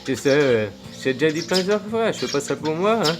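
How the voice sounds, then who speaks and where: A man's voice: a little high, expressive, a little fast, over music. A man delivering a loose, rambling spiritual monologue to his viewers, full of fillers and rhetorical questions. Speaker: spiritual video blogger.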